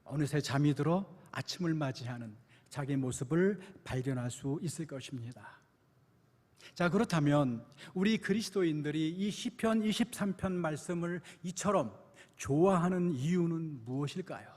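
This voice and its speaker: A man's voice: a little high, animated, normal speed, a little mellow. A male pastor preaching a sermon in a church, often putting rhetorical questions to the congregation. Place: church sanctuary. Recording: long church hall reverb.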